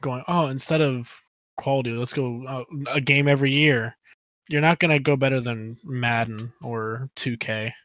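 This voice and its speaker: A man co-hosting a casual gaming podcast, talking haltingly and often restarting his sentences. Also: medium pitch, steady tone, a bit bright, dry recording, highs cut off. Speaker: podcast co-host.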